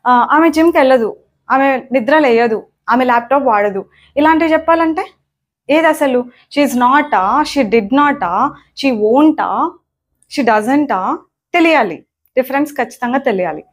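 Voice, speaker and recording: A woman's voice: sits high, animated, measured pace, pauses often. A young woman teaching grammar in a spoken lesson on her words, repeating points and often checking in with "okay?". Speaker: English teacher.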